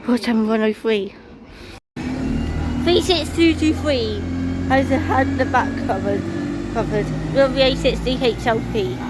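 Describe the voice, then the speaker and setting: A woman vlogging outdoors on her phone, excitedly reading out bus fleet numbers and number plates in a casual chatty way. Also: a little high, a little slow, pauses often. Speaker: transport enthusiast vlogger. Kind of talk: casual spotting commentary. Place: outdoors by streets and bus stops. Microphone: handheld phone. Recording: noisy outdoor phone recording. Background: traffic and street noise.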